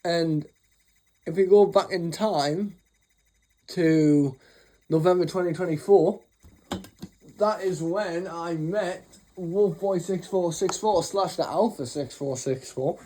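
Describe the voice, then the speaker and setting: A man's voice: high-pitched, slow pace, pauses often, dark tone. A young man telling a rambling, sweary storytime rant, sleepy after just waking up. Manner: rambling, swears freely, mocking. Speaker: channel host.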